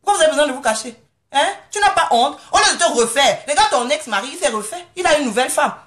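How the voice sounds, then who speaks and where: A woman ranting straight to camera from home, scolding and mocking her critics, often pausing to ask if they understand. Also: high-pitched, expressive, fairly bright tone. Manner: confrontational, scolding, keeps asking "you understand?"; mocking and sarcastic. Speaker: vlogger answering critics. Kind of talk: angry rant straight to camera.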